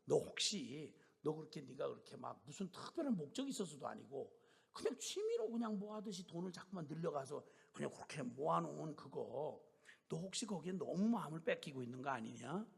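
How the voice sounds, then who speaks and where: Gravelly husky man preaching in a hall. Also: fairly high pitch, big pitch swings, a little fast. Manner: storytelling, acting out scolding dialogue; swings between shouting and whispering. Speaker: missionary preacher. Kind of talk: sermon.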